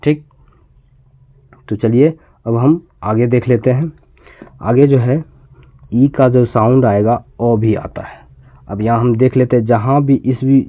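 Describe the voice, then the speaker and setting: A man giving a spoken lesson, spelling words out letter by letter and then repeating and explaining each one. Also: mid-range voice. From India. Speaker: teacher. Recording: tinny phone-quality audio.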